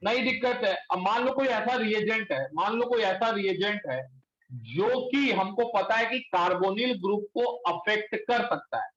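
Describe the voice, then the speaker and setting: A male chemistry teacher lecturing a class in speech, quizzing students and pushing them to answer quickly. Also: sits high, a bit bright. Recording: echoey room, dull lo-fi sound.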